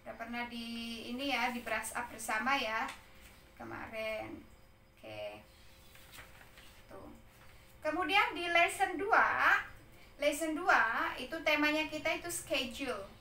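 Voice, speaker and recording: A high-pitched woman teaches English to children, explaining exam topics patiently and checking understanding as she goes. Her voice is bright and clear. The recording sounds roomy, with her a little away from the mic. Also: big pitch swings, slow, pauses often, recorded from a distance, a little hiss or hum. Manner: patient, repeats and checks with "ya" and "nah". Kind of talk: explaining exam material to young pupils.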